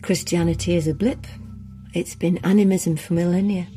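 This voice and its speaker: An actress playing a calm, blunt, earthy female retreat leader in an audio drama, with deadpan, unhurried delivery. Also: lowish voice, soft background music, lightly acted.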